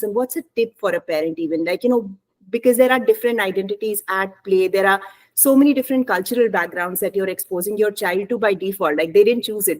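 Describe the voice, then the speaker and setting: A woman hosting an online author panel as publisher, asking questions in a casual, filler-heavy way over a video call. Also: mid-range voice.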